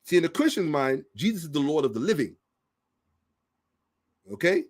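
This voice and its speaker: A man's voice: a little high, big pitch swings, normal speed. A man hosting a social commentary monologue, emphatic and repetitive, asking rhetorical questions. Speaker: host.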